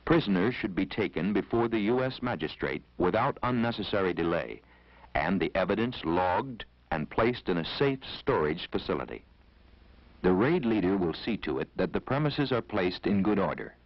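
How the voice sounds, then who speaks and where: An American man narrates an instructional film in a formal, measured, authoritative manner over a vintage 1970s soundtrack. His voice is low, and the lo-fi recording has no echo.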